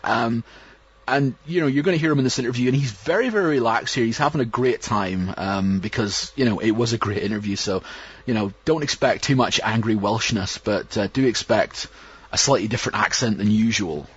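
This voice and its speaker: Speaking a little fast in a husky, slightly bright medium-pitched voice, a man rambles through his podcast's interview introduction, restarting often and using many fillers. The audio is dull.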